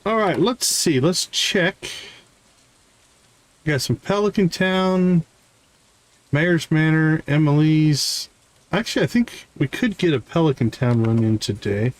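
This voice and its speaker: A man with a slightly high, animated voice streams a game, speaking a little slowly. He informally explains the on-screen action and thinks out loud during live play.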